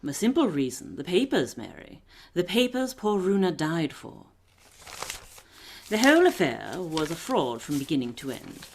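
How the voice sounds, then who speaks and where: A woman playing a shrewd, poised lady detective in a radio play, brisk, wry and self-assured. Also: deep voice, sing-song, slight background noise. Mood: wry, confiding.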